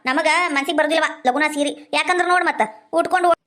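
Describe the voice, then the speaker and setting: A woman's voice: high voice, steady tone, quick pace, a bit bright. A woman with a North Karnataka Kannada accent playing a chatty village neighbour in a comedy sketch. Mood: advising.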